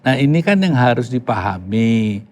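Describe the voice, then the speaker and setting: An older man from Yogyakarta, Indonesia, chats casually as a podcast guest, speaking emphatically and slipping in English phrases. His voice is medium-pitched with big swings in pitch, at a moderate pace.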